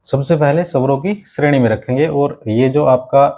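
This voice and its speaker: A man's voice: mid-range voice, moderate pace, dark tone. A man teaching a grammar lesson for exam students, explaining step by step with many rhetorical questions and often addressing the students as his friends.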